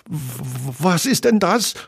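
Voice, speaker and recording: A man voicing a small, anxious male piglet with a high, trembling voice. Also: sing-song, slow, breathy edge, full character voice.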